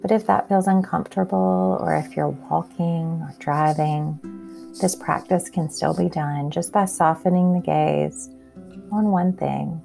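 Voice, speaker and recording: A woman hosting a podcast leads a calm grounding exercise in a gentle, unhurried, instructional manner. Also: on the low side, creaky, soft background music. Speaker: podcast host and mindfulness guide.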